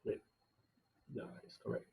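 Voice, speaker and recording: A man leads a live online coding tutorial in a warm tone and at a measured pace, often pausing mid-sentence to rephrase. He's speaking through a computer mic on an online class call.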